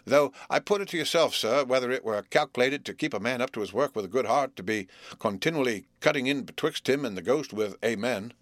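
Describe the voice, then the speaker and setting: A man reading aloud and voicing a humble, awkward country blacksmith who talks in a rustic dialect, earnest and halting. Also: mid-range voice, lively intonation, a bit bright, no echo, clean studio sound, close to an everyday voice.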